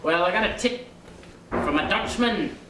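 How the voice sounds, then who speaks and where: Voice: mid-range voice, measured pace, natural voice. A sly, boastful little leprechaun, put on by a performer, talking in a playful lilt on a comedy interview. His voice sounds distant in an echoey room with faint noise behind it. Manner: cheeky, sly, rambling, fond of wordplay. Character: boastful mischievous little male Irish leprechaun. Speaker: interview guest.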